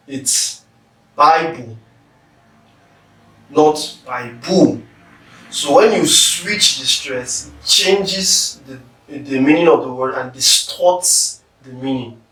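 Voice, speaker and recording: A man teaching public speaking in a slow, deliberate lecture, carefully stressing syllables as he demonstrates words. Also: on the high side, a bit bright. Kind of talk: instructional lecture. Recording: echoey room, somewhat far from the mic.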